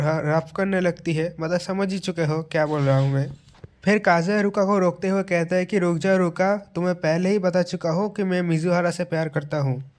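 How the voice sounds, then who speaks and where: Higher-voiced man recapping a manga chapter. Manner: conversational, with knowing asides to the viewer. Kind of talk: casual story recap narration.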